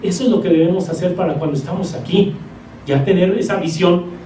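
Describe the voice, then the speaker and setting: A man's voice: high voice, a little fast, warm tone, reverberant, far from the mic, slight background noise, low-quality recording. A man preaching a sermon to a congregation in a church, teaching in a conversational way and often checking in with his listeners. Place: church hall.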